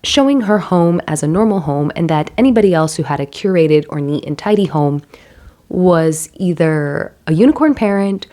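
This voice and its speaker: At home with a handheld mic, a stay-at-home mom vlogs casually, nasal from a cold. Her deep, mellow female voice comes across as chatty and self-deprecating, full of rambling asides.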